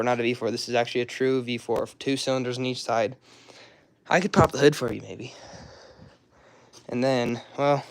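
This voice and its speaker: A young man casually showing his cars in a rambling, offhand way, with a scratchy, hoarse voice. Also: medium pitch. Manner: rambling, loose and offhand, trails off mid-sentence. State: hoarse, throat-clearing, coughing. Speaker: car hobbyist showing his garage. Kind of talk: casual walkaround vlog.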